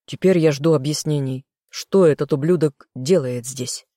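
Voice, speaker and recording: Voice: mid-range voice, normal speed, dark tone, no room sound, clean studio sound, lightly acted. A reader voicing a jealous, sneering young man. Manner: sneering, snapping. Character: hot-headed young man, jealous and insulting.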